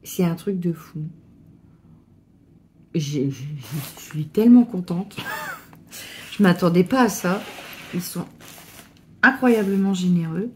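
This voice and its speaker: A middle-aged woman gushing excitedly as she unboxes a craft parcel, with stumbling restarts. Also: lowish voice, slow pace, long pauses, a little hiss or hum. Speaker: crafting vlogger. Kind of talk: casual unboxing chat.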